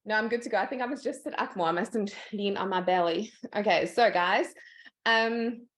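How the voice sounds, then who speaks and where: Chatty, upbeat woman presenting over a video call; middle pitch, laughs between points. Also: moderate pace, fairly bright tone. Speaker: guest speaker, sales team leader.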